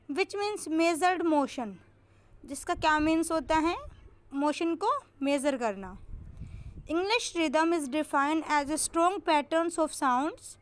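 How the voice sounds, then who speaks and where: A woman with an Indian accent teaching an exam-prep lesson. She reads English lines slowly, then explains them in Hindi, asking questions and answering them herself. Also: high-pitched.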